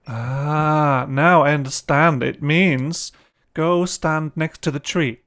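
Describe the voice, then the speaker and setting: On a video call, a male host and language educator runs a casual discussion, playing the learner while staying friendly and chatty with light laughs. His voice is on the high side and a bit bright, with fairly even intonation and a slow pace.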